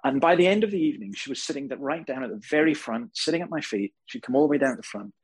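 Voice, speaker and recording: A man preaching a sermon to a congregation, telling stories with humor and animated emphasis. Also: mid-range voice, racing, breathy edge, low-quality recording. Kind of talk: sermon with storytelling. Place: church hall before a live congregation.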